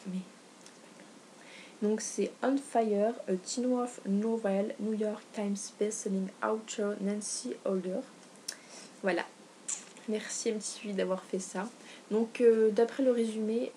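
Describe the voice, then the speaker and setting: A young woman chatting casually in a book haul vlog, gushing and excitable, full of fillers and self-corrections. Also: medium pitch. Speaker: book vlogger. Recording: faint background noise.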